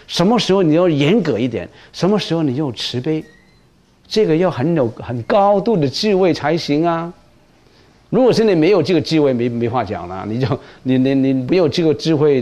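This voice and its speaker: A man's voice: on the high side, darkish tone. A man teaching Buddhist precepts in a dharma lecture, speaking emphatically and often repeating words as he restarts.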